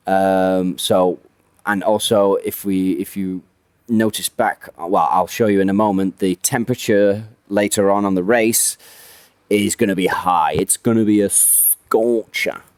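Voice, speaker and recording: Low, smooth-voiced man chatting through gameplay. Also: fairly even intonation, a little slow, dry recording, studio quality. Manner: rambling, self-correcting, chatty. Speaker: game commentator. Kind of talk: casual gameplay commentary.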